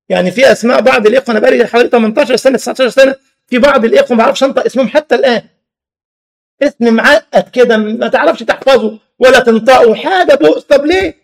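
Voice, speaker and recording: Egyptian man preaching, very high gravelly voice, brisk, animated, rhetorical questions. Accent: Egyptian Arabic. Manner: animated, rhetorical questions, laughs at own stories. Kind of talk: religious lesson with humorous anecdotes.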